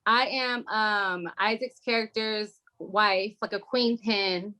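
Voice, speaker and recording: A woman's voice: mid-range voice, fairly even intonation, takes it slowly, sharp tone. A woman actress guest on a talk show, telling her story in a candid, playful way and swearing freely. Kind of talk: casual interview chat.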